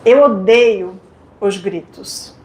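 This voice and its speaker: A woman's voice: mid-range voice, extremely slow, mellow. French-accented woman lecturing in an echoey hall. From France. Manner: direct, playful, questions the audience. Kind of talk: live lecture to an audience. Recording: echoey hall with faint noise.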